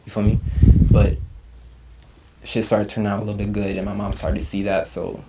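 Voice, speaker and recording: Heavy background noise surrounds this fairly low, fairly quick voice of a Ugandan rapper in his twenties. He chats casually as an interview guest, laid-back and full of slang, with "you feel me" coming up a lot.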